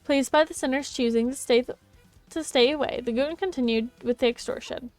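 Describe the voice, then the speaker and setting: Higher-pitched woman reading a game story. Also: brisk, darkish tone, faint music behind. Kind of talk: dramatised game narration with casual asides.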